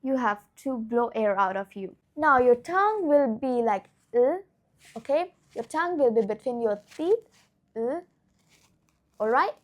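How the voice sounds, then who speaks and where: A young woman giving an informal pronunciation lesson, repeating example words slowly and often checking that the listener follows. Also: fairly high pitch, animated. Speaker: English pronunciation teacher.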